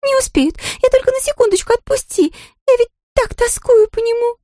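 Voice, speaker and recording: Whiny young dragoness, very high. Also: female voice, lively intonation, fairly quick, mellow, no room sound, studio quality. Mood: whining pleading. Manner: whining, pleading.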